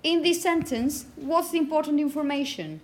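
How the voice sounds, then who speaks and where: A woman with a high-pitched voice speaks at normal speed, lecturing phonetics students by explaining and emphasizing example words and checking in with them often. The recording is from an indoor classroom with echo and background noise.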